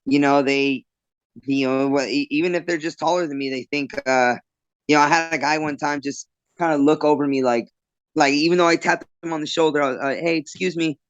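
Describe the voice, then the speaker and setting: A man's voice: on the high side, steady tone, brisk, smooth, no echo, lo-fi sound. A man, a fighter and bartender, telling stories in a casual interview, loose and rambling with lots of fillers and restarts.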